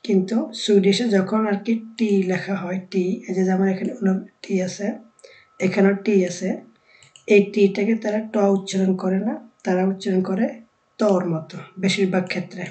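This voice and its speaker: Woman from Bangladesh, language teacher, mellow tone, patient, repeats each word slowly. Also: medium pitch, flat delivery, poor audio. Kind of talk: vocabulary lesson.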